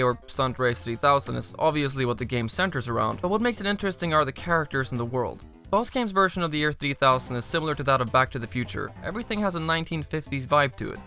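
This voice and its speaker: Brisk, bright-voiced man reviewing games. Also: on the high side. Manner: wry, sarcastic asides. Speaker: host of a video game review channel. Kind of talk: scripted comedic review narration.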